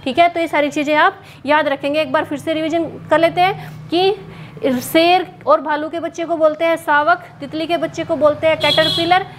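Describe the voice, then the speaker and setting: A woman with a high voice teaches an exam-prep class. She asks each question aloud, then answers and repeats it for her students to memorize. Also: steady tone, normal speed, a little hiss or hum. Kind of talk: classroom lesson. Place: hot room without a fan, standing.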